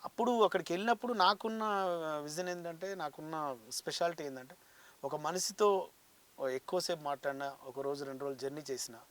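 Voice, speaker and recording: Guy talking super fast in a studio interview, chatty, tells his story, voice sits a bit high. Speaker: interview guest, mimicry artist.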